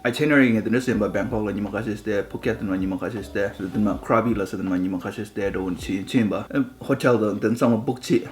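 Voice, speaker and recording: A man's voice: on the low side, fast talker, few pauses. A man born in India chatting casually with his wife, slipping English words into his talk. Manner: relaxed, mixes English words into Tibetan. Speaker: husband in a couple's vlog. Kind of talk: casual chat.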